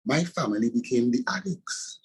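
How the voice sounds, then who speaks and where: A Trinidadian man, a pastor and author, talks in an earnest, preacherly way. His voice is husky and slightly breathy at an ordinary male pitch. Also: expressive, moderate pace, rough recording. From Trinidad and Tobago. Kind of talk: interview answers.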